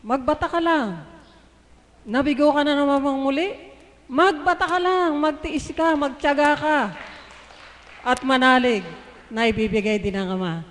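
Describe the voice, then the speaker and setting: A man preaching to a congregation, urging the listeners again and again in a loud voice. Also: extremely high pitch, a little slow, long pauses. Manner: loud, urging, repeated exhortations. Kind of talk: exhortation to a congregation. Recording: live stream from a distance in a reverberant hall.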